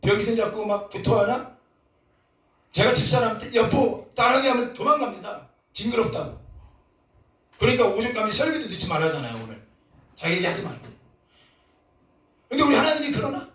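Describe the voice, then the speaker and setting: A middle-aged man preaching a sermon with passion, moving between soft talk and shouted cries. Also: sits high, very animated, brisk, long pauses. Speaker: pastor. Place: church sanctuary. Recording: roomy church echo, from a distance.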